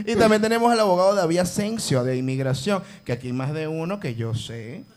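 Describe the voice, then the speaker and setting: A man's voice: fairly high pitch, lively intonation, fairly quick, a little mellow. A man co-hosting a casual talk show, joking crudely, teasing and swearing freely. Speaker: podcast co-host. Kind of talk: casual banter.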